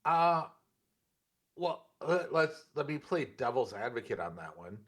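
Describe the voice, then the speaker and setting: An American man chatting casually in a discussion, with a measured, halting conversational delivery. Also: mid-range voice, big pitch swings.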